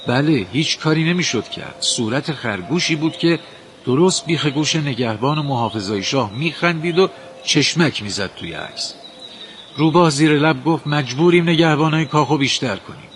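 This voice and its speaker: A man narrating a children's animal story expressively. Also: fairly high pitch. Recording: steady background hiss and noise.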